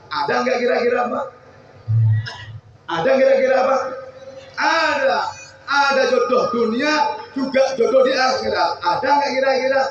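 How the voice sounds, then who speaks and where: Javanese male preacher, very high and unhurried, teasing the congregation between sung lines; heavy echo. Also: a bit bright, lo-fi sound. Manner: jokes and quizzes the audience, breaks into slow sung refrains. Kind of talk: humorous sermon with sung verses. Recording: echoey far-off hall mic with music. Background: music band.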